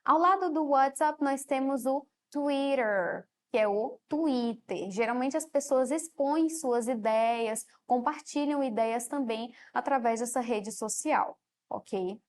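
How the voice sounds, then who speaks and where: A woman with a Brazilian Portuguese accent teaches a televised lesson in a fairly high voice. She explains step by step and keeps checking in with her students through a quieter "ok?" at the end of her phrases. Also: unhurried. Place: studio.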